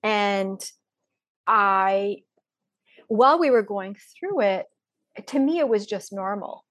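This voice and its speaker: A woman's voice: medium pitch, animated, slow pace, a bit bright. A woman in her forties from Poland, a breathwork and mindset mentor, talking openly and reflectively as a podcast guest, with frequent fillers. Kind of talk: casual interview talk.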